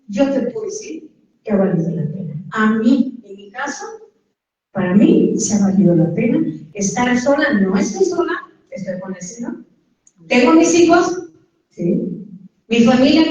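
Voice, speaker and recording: A woman's voice: high voice, darkish tone. A woman with a Mexican accent giving a church testimony, talking directly to listeners in a conversational way. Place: church hall. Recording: echoey church hall, distant dull mic.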